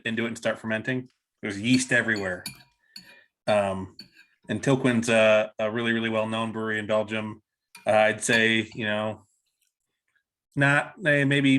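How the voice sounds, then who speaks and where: A man's voice: fairly low pitch, bright, forceful tone. A man co-hosting a casual podcast, explaining things at length with plenty of fillers and restarts. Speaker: podcast co-host. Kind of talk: casual chat.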